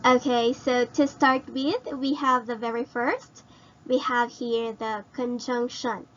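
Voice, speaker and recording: Slow, patient woman teacher, lo-fi. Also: fairly high pitch, flat delivery, fairly bright tone. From Philippines. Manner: explains slowly and repeats, asks students questions. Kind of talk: recorded grammar lesson.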